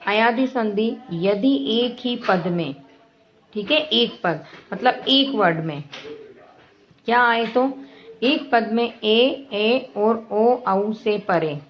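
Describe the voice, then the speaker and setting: A woman's voice: mid-range voice, expressive, slow. A woman teacher explaining grammar to children, repeating each example patiently and often checking that her pupils follow. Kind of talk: classroom grammar lesson. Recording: dull lo-fi recording.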